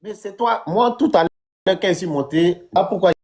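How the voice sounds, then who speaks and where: A man's voice: sits high, moderate pace, darkish tone. A man arguing in a heated online debate, confrontational and sarcastic. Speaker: TikTok debater. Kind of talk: heated live-stream argument.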